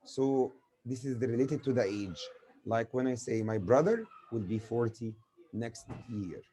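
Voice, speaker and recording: In a mellow, mid-range voice and at a measured pace, an Egyptian-accented man gives a spoken grammar lesson with examples. A native Arabic speaker, he quizzes himself and answers in turn, with slight noise in the background.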